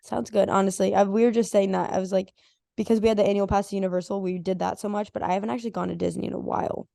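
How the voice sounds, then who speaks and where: Hoarse twenties girl rambling on a podcast, lots of "like", dry close mic. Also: mid-range voice, level tone, rapid-fire, dark tone, no room sound. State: hoarse, losing her voice. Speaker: podcast co-host. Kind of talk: casual chat.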